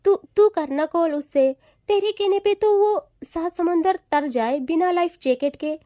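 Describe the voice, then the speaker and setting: A teasing young woman who whines and pleads with her best friend in a high, warm voice, as a woman narrator puts her on. Her talk is chatty and playful in a storybook audio drama, recorded close and dry. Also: measured pace, dry recording. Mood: pleading, teasing.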